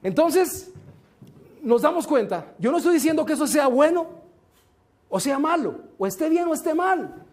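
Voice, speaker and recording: High-voiced man giving a seminar talk. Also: expressive, normal speed, long pauses, darkish tone. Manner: storytelling, addresses the audience directly. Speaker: seminar speaker. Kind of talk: motivational business seminar talk. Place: seminar room with a live audience.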